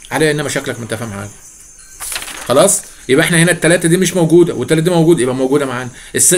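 A man with an Egyptian Arabic accent teaching a math lesson, playful, asking questions and answering them himself. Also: on the high side. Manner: rapid, playful, asks and answers his own questions.

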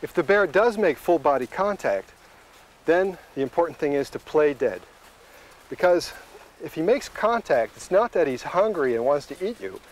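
This is a middle-aged wilderness guide on the move across open coastal tundra, explaining things matter-of-factly as he walks. His slightly high voice is expressive and his pace is normal. The audio is poor.

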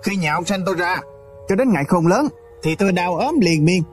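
A man voicing an aggrieved, vengeful son who complains in an accusing, high voice. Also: lively intonation, brisk, soft background music. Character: aggrieved son seeking revenge, high and wailing.

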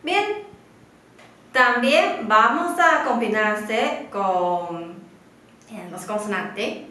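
A woman, a Mandarin speaker, giving a slow and patient beginner lesson, drawing out syllables for her students to repeat. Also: on the high side, lively intonation, sharp tone. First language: Mandarin Chinese. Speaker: Chinese teacher. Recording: roomy echo.

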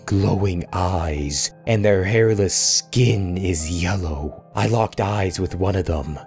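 A man giving a dramatic first-person horror story reading in a grave, deliberate manner, trailing off quietly at phrase ends. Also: low-pitched. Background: faint music.

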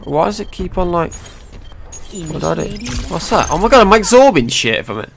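A young man giving excitable, swear-filled commentary on his first time playing a game, with constant startled exclamations. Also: sits high, moderate pace, gravelly, a crowd in the background. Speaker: gaming YouTuber. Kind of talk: casual gameplay commentary.

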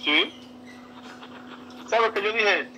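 A man's voice: high-pitched, extremely slow, sharp tone, a little hiss or hum, low-quality recording. A man talking as a baseball player guest in a casual interview, earnest and emotional, often repeating himself. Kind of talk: casual interview, heartfelt storytelling.

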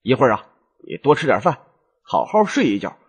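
A man voicing a calm, shrewd nobleman husband who talks his wife round in an easy, coaxing way. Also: medium pitch, a little fast, breathy edge. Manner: easygoing, coaxing persuasion.

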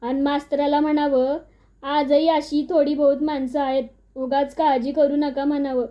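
Storybook figure: gruff old village landowner, thick booming delivery, high voice, muffled recording, read by a woman. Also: level tone, normal speed, warm tone, close to an everyday voice. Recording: dull lo-fi recording.

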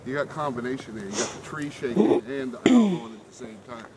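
A middle-aged man talks casually while hiking through woods, his voice swinging lively in pitch. The camera audio catches plenty of outdoor noise around him. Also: fast talker, vocal fry. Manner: excited, mimics owl hoots. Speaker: hiker. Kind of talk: casual chat. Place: forest trail outdoors.

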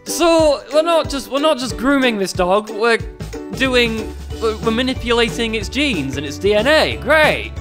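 British lad in his 20s playing games on mic, jokey and sweary, pitch all over the place, music in the back. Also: big pitch swings, a little slow. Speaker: YouTube gaming host. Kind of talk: casual let's-play commentary. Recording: music behind the voice.

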